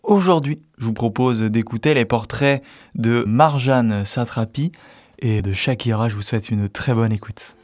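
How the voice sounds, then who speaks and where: A man's voice: medium pitch, normal speed, darkish tone, no echo. Man announcing a radio slot. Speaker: radio host.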